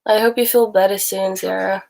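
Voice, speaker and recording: Speaking briskly in a medium-pitched, gravelly, slightly mellow voice with fairly even intonation, a young Swedish woman hosts a livestream while sick. She chats casually, rambles and laughs a lot, with a Swedish accent mixed with Texan, Australian and British pieces.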